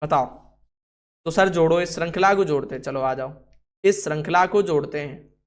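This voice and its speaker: A man's voice: on the high side, normal speed. A man teaching a chemistry class, asking the students questions and answering them himself, and telling someone else what to write on the board. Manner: instructs someone writing on the board. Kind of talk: classroom lesson.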